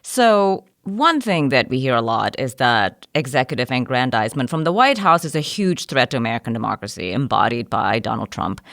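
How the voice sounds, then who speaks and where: A woman from Indonesia hosting a podcast, asking thoughtful, measured questions. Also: a bass voice, vocal fry, fairly bright tone, no echo, clean studio sound. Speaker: podcast host. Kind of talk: podcast interview.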